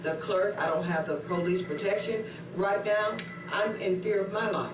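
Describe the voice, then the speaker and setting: Male mayor, measured interview answers, high voice, noisy distant recording. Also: fairly even intonation. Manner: measured, explanatory, with fillers. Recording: echoey room from far off, noisy.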